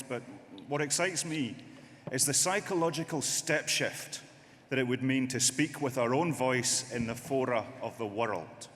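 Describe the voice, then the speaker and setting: A man's voice: fairly high pitch, a bit bright. A man giving an emphatic political speech from the lectern at a party conference. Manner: rousing, emphatic oratory. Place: large conference hall. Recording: reverberant hall, faint noise.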